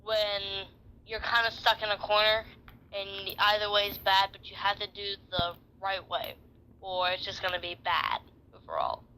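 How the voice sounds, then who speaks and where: A man's voice: high voice, expressive, normal speed, sharp tone, a little hiss or hum, poor audio. A young man co-hosting a casual podcast, talking in an offhand, joking way. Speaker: podcast co-host. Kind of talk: casual chat.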